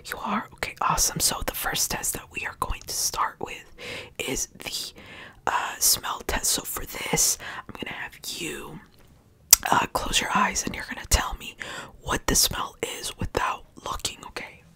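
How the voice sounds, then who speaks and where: Young woman's fast whispered role-play ASMR. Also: sits low, pushed and bright. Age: young adult. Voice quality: breathy unvoiced whisper. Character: brisk female medical examiner talking to a patient. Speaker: ASMR performer playing a medical examiner. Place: small bedroom, indoors. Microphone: large microphone right at the mouth.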